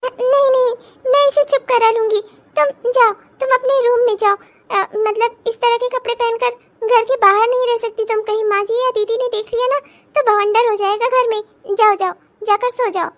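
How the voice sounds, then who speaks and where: A woman's voice: very high voice, steady tone, normal speed. A woman voicing a tired young mother in a cartoon, who talks in a pleading, anxious way. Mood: flustered. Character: tired young mother, the elder sister-in-law.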